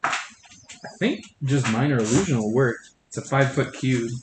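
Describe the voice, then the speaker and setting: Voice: medium pitch, expressive, moderate pace. A player in a casual tabletop game chat, giggly and chatty. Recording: echoey noisy room.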